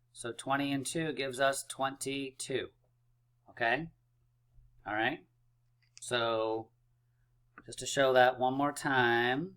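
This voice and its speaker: A man's voice: medium pitch, a bit bright. A man teaching a math lesson to young children, upbeat and chatty with lots of fillers. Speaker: math coach.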